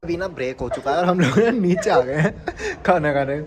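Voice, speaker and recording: A young man telling college stories in a casual vlog, animated and laughing often. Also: on the high side, a little fast. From India. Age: young adult. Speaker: vlogger. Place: college campus. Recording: loud crowd noise behind.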